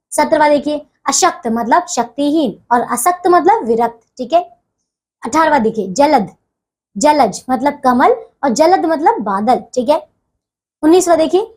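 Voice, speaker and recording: Young female teacher, high-pitched, patient classroom explainer for children. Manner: patient, repeats "dekhiye" and "theek hai" often. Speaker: school teacher. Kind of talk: explaining a grammar lesson to children.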